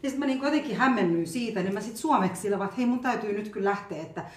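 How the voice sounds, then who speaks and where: A woman's voice: mid-range voice, a little mellow. A woman in her thirties chatting casually, telling a rambling story full of fillers. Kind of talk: casual chat. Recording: echoey room.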